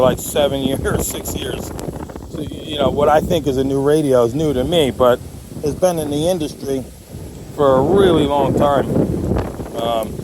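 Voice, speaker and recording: A man's voice: fairly high pitch, background noise. A man chatting casually to viewers as a hobbyist vlogger, in a rambling, jokey way. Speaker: amateur radio hobbyist vlogger.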